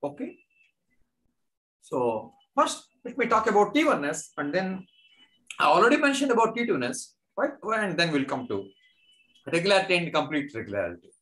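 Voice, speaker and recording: A man with an Indian accent giving an unscripted maths lecture, halting and repeating phrases slowly as if dictating. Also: high voice, big pitch swings, sharp tone, low-quality recording. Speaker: mathematics lecturer.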